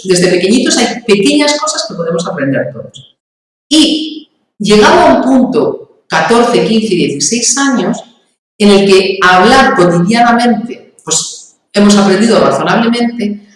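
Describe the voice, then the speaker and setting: A woman's voice: medium pitch, heavy reverb, recorded from a distance, rough recording. A woman with an Andalusian accent, from Andalusia, speaking as a communication and public speaking trainer in an interview, emphatic and didactic, using examples and rhetorical questions. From Andalusia, Spain. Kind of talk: explanatory interview talk.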